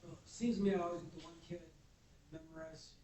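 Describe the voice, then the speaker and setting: A man's voice: sits high, very fast, crowd noise. Older man, audience question, wry anecdotes, echoey hall sound. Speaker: audience member asking a question. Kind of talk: conference panel question.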